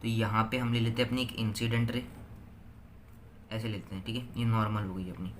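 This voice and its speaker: A teenage boy tutoring, working through a physics problem step by step and reading each number out slowly. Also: lowish voice, flat delivery, fairly bright tone, a little hiss or hum. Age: teens. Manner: slow, step-by-step, reads numbers out one by one. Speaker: student tutor.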